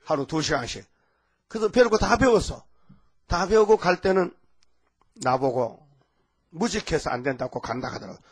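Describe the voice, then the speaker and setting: A man's voice: on the high side, expressive, normal speed, long pauses, breathy edge. An older man, a pastor with a Gyeongsang Korean accent, preaching a rambling, folksy sermon and often checking in with the congregation. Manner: rambling, folksy, constant call-and-response asides.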